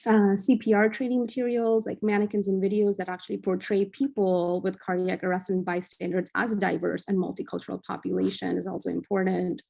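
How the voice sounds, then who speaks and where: A young adult woman, a cardiology fellow, giving an academic journal club presentation in a measured way with frequent filler sounds. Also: mid-range voice, flat delivery, vocal fry, dark tone.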